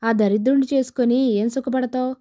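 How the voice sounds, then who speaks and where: A spurned young man pleads and sneers in turn, voiced by a woman reading an audio novel. The voice is mellow and dark, yet fairly high. His lines come sarcastic and bitter. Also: fairly even intonation, a little fast, lightly acted.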